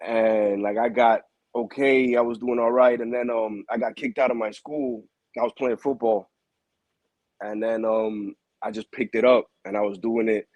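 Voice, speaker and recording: A man talks in a relaxed, slangy way as a boxing manager on a video call. His voice sits a bit low. The sound is close and dry. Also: moderate pace, dry recording, muffled recording. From New York. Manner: relaxed, slangy, calls people bro. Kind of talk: casual interview.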